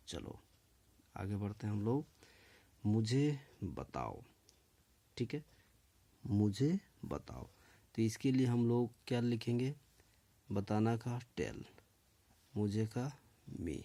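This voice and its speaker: A man with a lowish, warm voice hosts his own English lesson. He speaks slowly and deliberately, dictating and repeating each phrase. He often checks in with his listeners with "okay". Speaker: English teacher and channel host.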